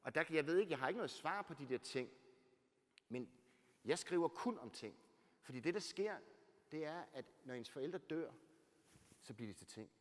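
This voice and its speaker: Man, author, storytelling talk, fairly high voice, big swings from loud to hushed, long church echo. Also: long pauses. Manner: animated, swinging from loud bursts to near-whispers; rhetorical, keeps adding "right?".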